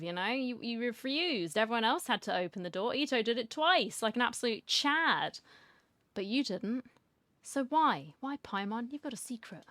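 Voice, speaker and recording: A woman's voice: fairly high pitch, fairly bright tone, no room sound. Playful chatty woman streaming a game. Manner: playful, chatty, reacts aloud and reads lines along with the game. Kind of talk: casual gaming commentary.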